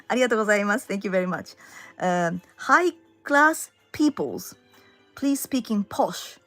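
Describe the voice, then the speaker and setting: A woman's voice: medium pitch, lively intonation, moderate pace, fairly bright tone. Woman, japanese accent, middle-aged, chatty livestream host, faint music underneath. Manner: chatty, reads viewer comments aloud and answers them. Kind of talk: casual livestream chat. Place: home in London.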